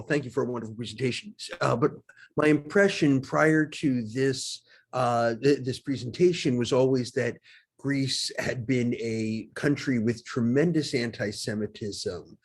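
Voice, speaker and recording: A man's voice: mid-range voice, a little slow, slightly rough. A man from the audience on a video call, asking a thoughtful question with many restarts. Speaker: audience member.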